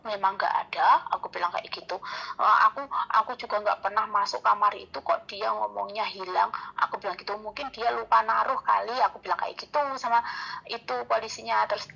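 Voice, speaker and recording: A woman's voice: fairly high pitch, vocal fry, pushed and bright, breathy edge, muffled recording. A woman from Indonesia in her thirties telling her own story casually, acting out both sides of a conversation and tagging each quote with "I said". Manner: recounts dialogue, repeating "aku bilang kayak gitu".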